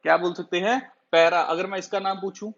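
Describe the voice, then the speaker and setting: Man, chemistry teacher, high voice, question-and-answer lecture style, muffled lo-fi recording. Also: fairly even intonation, brisk, gravelly, fairly bright tone. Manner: asks the class questions and answers them himself. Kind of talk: classroom lecture. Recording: dull lo-fi sound.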